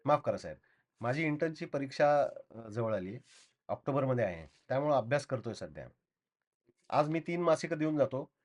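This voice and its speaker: A man's voice: mid-range voice, big pitch swings, normal speed, muffled recording. A man reading the part of an earnest young door-to-door librarian, talking in eager, apologetic salesman patter.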